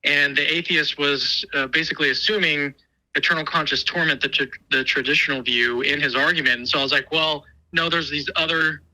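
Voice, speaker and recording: A man calls in to a show for a casual conversation, heard over speakerphone with poor audio. His voice is on the high side, steady, sharp, and a little fast, and he talks thoughtfully but hesitantly, with many fillers.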